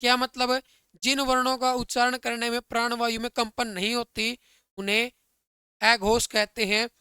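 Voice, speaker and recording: A Hindi grammar teacher, a man whose bright, crisp voice sits high for a man, leads an online exam-prep grammar lesson in a level tone at normal speed. He calls his listeners brother and dear friends and keeps asking if everything is clear. The recording is dry, with no room echo.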